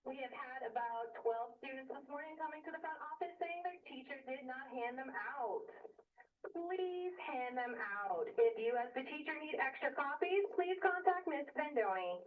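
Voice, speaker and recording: A woman from the front office making a firm, slow school intercom announcement. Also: high voice, animated, distant mic, a little hiss or hum. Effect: school intercom loudspeaker announcement. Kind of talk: formal public announcement. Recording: tinny intercom speaker heard from across a classroom.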